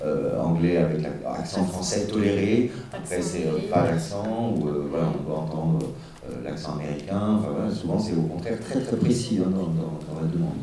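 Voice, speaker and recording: A man's voice: low-pitched, normal speed. A man speaking as a talent agent on a public panel, emphatic and often stammering on repeated words. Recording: echoey hall, distant, crowd behind.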